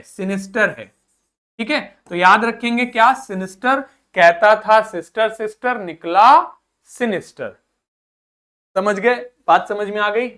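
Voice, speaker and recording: A man's voice: high voice, a bit bright. A man teaching a vocabulary lesson, explaining each word patiently and repeating it for students to echo, switching between Hindi and English.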